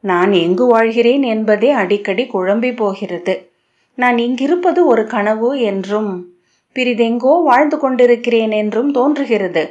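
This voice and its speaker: A woman's voice: fairly high pitch, a little slow, darkish tone, lightly acted. Woman reading dazed young man, bewildered, dreamlike telling, muffled lo-fi sound. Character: dazed young male sage's disciple. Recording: dull lo-fi audio.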